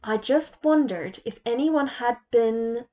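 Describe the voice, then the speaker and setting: Woman doing a calm headmaster type, measured, probing questions. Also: a little high, muffled recording.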